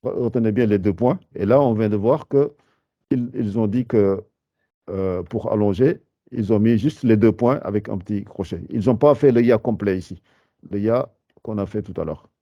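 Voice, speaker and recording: A man explaining a beginner's lesson in a patient, halting way, with frequent fillers and restarts. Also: fairly low pitch, no room sound, lo-fi sound. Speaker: Arabic teacher.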